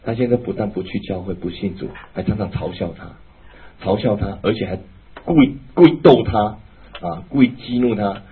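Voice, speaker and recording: Husky guy preaching a sermon, gets loud then goes quiet, sounds like a phone recording. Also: lowish voice, normal speed. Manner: animated, emphatic, drops to a hushed tone. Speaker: pastor. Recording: tinny phone-like, lo-fi.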